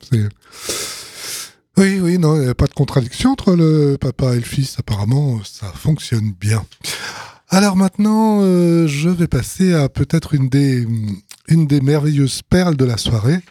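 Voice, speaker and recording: Husky-voiced man hosting, dry close sound. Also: a little high, dark tone, no room sound. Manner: hesitant and amused, many fillers and restarts. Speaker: radio host presenting songs. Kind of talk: casual on-air commentary.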